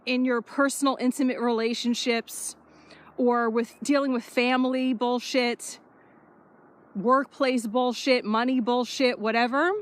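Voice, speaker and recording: A woman speaking as a spiritual life coach in a casual walking vlog, energetic and repetitive, swearing offhandedly. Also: fairly high pitch. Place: outdoors, power walking.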